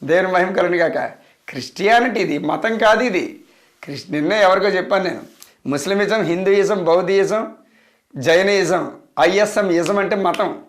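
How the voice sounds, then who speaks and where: A man's voice: sits high, normal speed. A man preaching a sermon as pastor, emphatic and repetitive, firing off rhetorical questions. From India.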